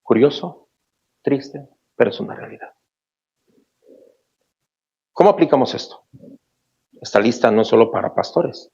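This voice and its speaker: Gravelly, husky male pastor preaching. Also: on the low side, dark tone. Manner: preaching with rhetorical questions. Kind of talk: sermon and closing prayer. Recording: dull lo-fi recording.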